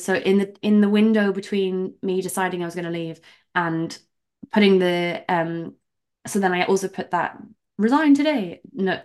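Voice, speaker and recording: A young woman from England, a podcast guest, chatting casually and animatedly with lots of "like" fillers. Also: medium pitch. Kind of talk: casual interview chat.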